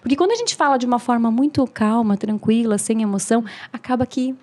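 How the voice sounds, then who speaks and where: A woman's voice: on the high side, quick pace, a little mellow. A woman, a speaking mentor explaining tips in a friendly, teaching way as a podcast guest. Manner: didactic, demonstrative, friendly.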